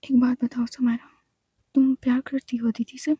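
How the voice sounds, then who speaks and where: A firm, probing female doctor from a storybook who presses for straight answers with calm authority, put on by a woman reading. The voice is high but dark and mellow in tone. It is recorded close and dry. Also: moderate pace, slightly rough, no room sound.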